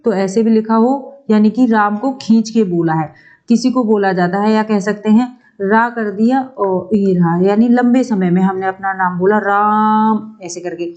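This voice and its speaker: In a fairly high, mellow voice with the highs cut off, a woman teaches grammar for exam prep. Her explanations are slow and drawn out; she asks questions, answers them herself, and checks in with the class often.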